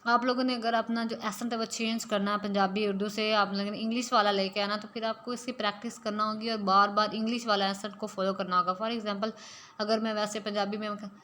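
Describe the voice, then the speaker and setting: A woman's voice: medium pitch, little pitch movement, brisk, bright, forceful tone, a little hiss or hum. A woman teaching spoken English, explaining step by step and slipping English phrases into her talk.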